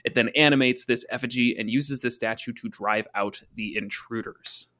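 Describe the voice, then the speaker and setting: Halting, casual male podcast co-host. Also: medium pitch, pushed and bright. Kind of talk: casual, joking explanation of tabletop game lore.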